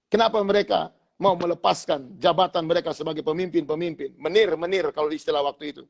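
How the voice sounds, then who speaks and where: Man, Manado accent, pastor, gravelly, testimony storytelling in an interview. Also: a little high, quick pace, lo-fi sound. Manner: storytelling, often addresses listeners as brothers.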